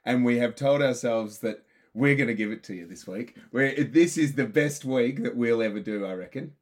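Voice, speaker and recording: A man, co-hosting a podcast in casual chat, jokey and halting, often restarting his sentences. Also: mid-range voice. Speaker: podcast co-host.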